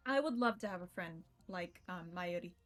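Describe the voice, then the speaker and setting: With soft music playing behind her, this twenty-one-year-old woman speaks in a lowish, expressive voice at a moderate pace while streaming a visual novel. Giggly and playful, she laughs a lot, swears occasionally, and chats casually with her viewers.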